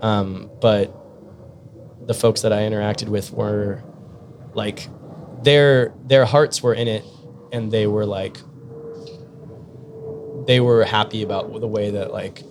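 A man's voice: lowish voice, fairly even intonation, slow pace, pauses often, a little hiss or hum. A man telling long, rambling stories in a casual podcast chat, full of fillers and restarts.

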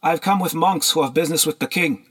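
Young female slave in a storybook, man putting her on, husky, raised pitch, wary, respectful. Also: fast, fairly bright tone.

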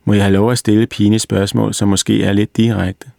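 A man's voice: fairly low pitch, little pitch movement, vocal fry, warm tone, no room sound, studio quality. A man reading the lines of a courteous male house tenant who speaks a little hesitantly. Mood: polite.

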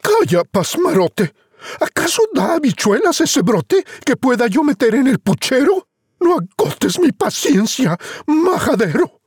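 Storybook mother, shrill and furious, voiced by a man, swooping, dry close sound. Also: very animated, unhurried, breathy edge, no echo, full character voice. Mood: scolding. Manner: shrieking, scolding.

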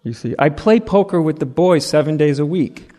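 A man's voice: a little high, lively intonation, moderate pace, mellow, lightly acted. A man voicing a neglectful boyfriend who excuses himself. It is a sheepish, self-justifying quote inside a talk. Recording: long hall reverb.

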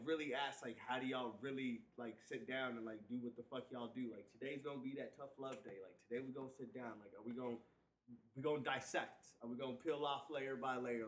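A man's voice: medium pitch, fairly bright tone. A man in his twenties hosting a casual, profane podcast chat, rambling with constant "like" fillers. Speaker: podcast host. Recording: echoey room, distant mic.

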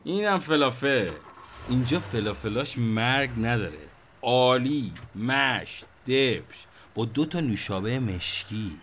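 An actor playing a chatty, complaining, nostalgic middle-aged taxi driver with a Tehrani accent and colloquial street slang. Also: male voice, medium pitch, lively intonation, a bit bright, slight background noise, close to an everyday voice. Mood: relishing.

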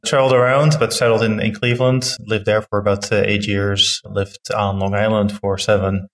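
A man's voice: fairly low pitch, flat delivery, normal speed, fairly bright tone. A middle-aged man from the Netherlands, a town council member answering interview questions earnestly with frequent fillers and restarts.

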